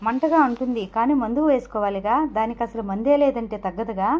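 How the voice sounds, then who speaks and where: A woman voicing a blunt grown man, an elder brother, who answers in terse, sharp retorts. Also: fairly high pitch, brisk, highs cut off, close to an everyday voice. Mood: curt.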